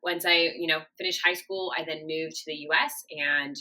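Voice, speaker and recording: Low-pitched bright woman telling her story. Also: fairly even intonation, moderate pace, low-quality recording. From Japan. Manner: chatty, warm storytelling with frequent fillers. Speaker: podcast guest. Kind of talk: casual interview talk.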